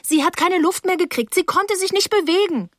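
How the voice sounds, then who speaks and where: A woman voicing a panicked young woman who pleads in a high, urgent, shrill voice. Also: moderate pace, dry recording, studio quality.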